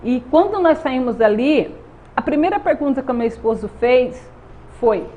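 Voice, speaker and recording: Her voice sits high and sounds mellow and expressive at a moderate pace as this thirtysomething woman with a Brazilian accent earnestly recounts her faith as an interview guest. She keeps adding "né?". The recording is lo-fi and dull, with a faint noise.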